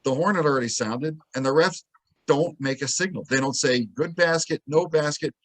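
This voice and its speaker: A man co-hosting a sports podcast, telling game stories in a lively, casual way and acting out what people said. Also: on the high side, normal speed. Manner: animated storytelling, acts out quotes. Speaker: podcast co-host.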